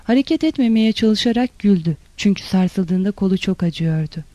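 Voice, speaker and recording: A narrator reading a literary novel in a steady, even storytelling manner. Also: medium pitch, normal speed, no echo. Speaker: audiobook narrator.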